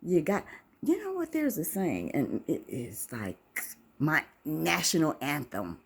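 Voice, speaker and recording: Husky, lively-voiced woman in her fifties. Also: low voice, unhurried. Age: 50s. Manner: talkative, wandering, faith-centered, musing. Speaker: vlogger, channel host. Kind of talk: casual rambling monologue to camera.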